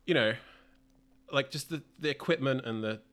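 A man co-hosting a podcast, reflective and a bit halting, with restarts as he thinks aloud. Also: medium pitch, fairly bright tone. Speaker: podcast co-host. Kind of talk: casual podcast chat.

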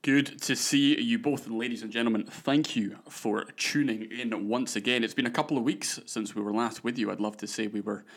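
A man's voice: fairly low pitch, fairly even intonation, brisk, few pauses. A man with a Scottish accent hosting a casual sports podcast, chatty and self-mocking, laughing often as he talks. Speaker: podcast host. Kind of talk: casual chat.

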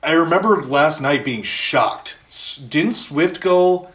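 A man co-hosting a casual fantasy football podcast, talking in an animated way and restarting his thoughts often. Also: fairly high pitch, slow. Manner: lively, animated, trails off and restarts. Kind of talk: casual chat.

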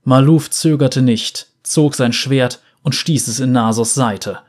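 Measured male fantasy narrator. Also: medium pitch. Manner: measured, dramatic. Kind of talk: dramatic story reading.

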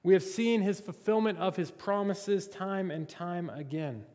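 Brief: male pastor, earnest expository sermon, voice pitched high for a man, long hall reverb. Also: measured pace, a little mellow. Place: church sanctuary. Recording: reverberant church sanctuary.

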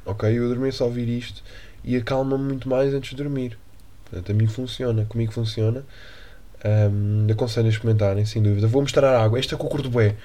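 A man's voice: medium pitch, steady tone, fast, mellow. A young man from Portugal with a European Portuguese accent, hosting a casual solo podcast in a rambling, slangy, joking way. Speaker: podcast host.

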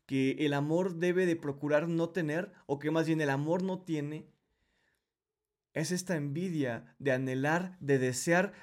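A man gives a casual Bible study, talking straight to the listener. He explains each point step by step in a conversational way. His voice sits a little high for a man. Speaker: Bible teacher, podcast host.

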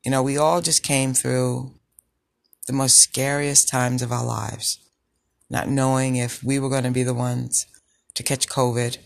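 Sultry, gravelly woman, slow and unhurried. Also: level tone, no echo, clean studio sound. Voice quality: sultry, low voice. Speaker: podcast host. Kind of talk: personal health podcast monologue.

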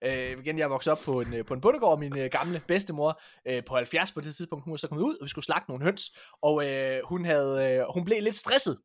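A man's voice: on the high side, few pauses. A man co-hosting a casual podcast chat, telling stories with lots of animation. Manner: animated storyteller, acts out voices. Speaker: podcast co-host.

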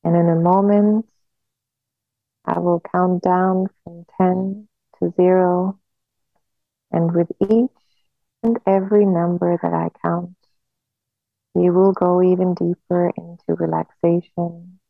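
A woman guiding a hypnosis relaxation in a slow, soothing hypnotist manner with long pauses, on a narrow phone-like recording. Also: fairly low pitch, level tone, gravelly, no echo, soft background music.

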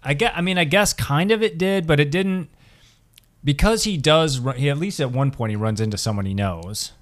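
A man's voice: a little high, normal speed. A man co-hosting a podcast in casual chat, rambling with many restarts. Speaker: podcast co-host.

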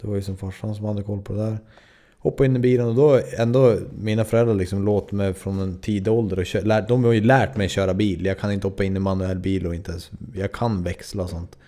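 A man's voice: on the low side, fairly even intonation, hardly any pauses, mellow. A man in his twenties from Sweden, a podcast host telling a story in a loose, rambling way, full of fillers and swearing. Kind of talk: casual storytelling.

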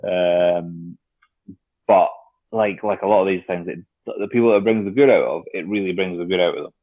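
A young man in his twenties with a very deep voice. He talks casually and hesitantly, full of fillers and restarts. The sound is thin and phone-like, dry, with no room echo. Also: normal speed. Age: 20s. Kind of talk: casual conversation. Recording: tinny phone-like line.

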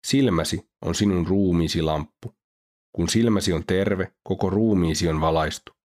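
Deep-voiced man reading scripture. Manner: steady, formal reading aloud. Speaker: scripture reader.

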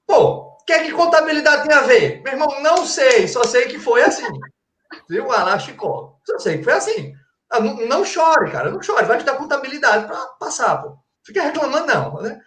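A man's voice: very high voice, very animated, fairly quick, fairly bright tone. Didactic man in a roomy space. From Brazil, Pernambuco. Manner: didactic, colloquial, rhetorical questions, frequent "tá?" check-ins. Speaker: guest, forensic crime-scene expert. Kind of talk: explanatory conversational talk. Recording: roomy echo.

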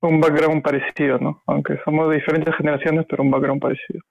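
Man, thirties, gravelly, flat delivery, hesitant, dry sound. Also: on the high side, fast, no room sound, phone-quality sound. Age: 30s. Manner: hesitant, many fillers and restarts. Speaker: podcast guest. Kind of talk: casual podcast chat.

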